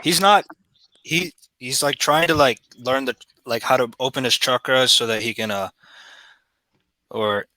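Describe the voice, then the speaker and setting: Man, Indian accent, bright ringing tone, rambling casual chat full of fillers. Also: mid-range voice, measured pace, poor audio. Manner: rambling, many fillers and restarts. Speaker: reviewer.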